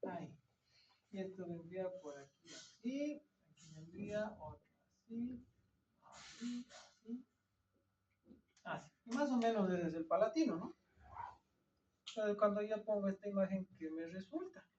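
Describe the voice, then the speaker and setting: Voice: mid-range voice, lively intonation, measured pace, pauses often, a little mellow, far from the mic, slight background noise. An anatomy teacher lecturing a class, quizzing students and answering the questions themselves while drawing at the board. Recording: echoey classroom recorded from afar, dull lo-fi.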